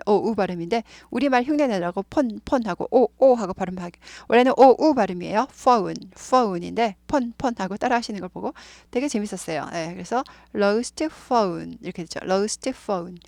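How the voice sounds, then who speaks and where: A woman's voice: medium pitch, no echo. Chatty woman teaching, dry close sound. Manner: chatty, many fillers like "예" and "네"; explains slowly, repeating words. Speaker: English teacher. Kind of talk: casual spoken lesson.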